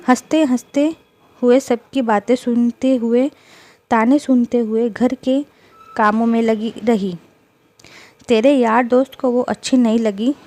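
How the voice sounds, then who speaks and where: A woman voicing a stern, fierce mother-in-law in a storybook tale, talking in sharp, scolding rebukes. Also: on the high side, close to an everyday voice. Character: stern fierce older mother-in-law, protective of her daughter-in-law.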